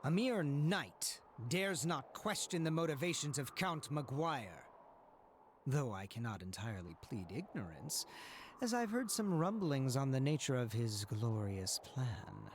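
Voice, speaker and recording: A man voicing a cold, formal young knight in a video game, with a measured, haughty manner. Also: medium pitch, big pitch swings, slight background noise. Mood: aloof. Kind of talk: dramatic reading of game dialogue.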